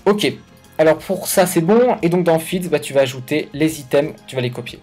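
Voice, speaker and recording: A man's voice: on the high side, lively intonation, moderate pace, darkish tone, soft background music. A man hosting a casual coding tutorial, thinking aloud with hesitations and self-corrections in an informal, slangy way. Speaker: YouTube tutorial host.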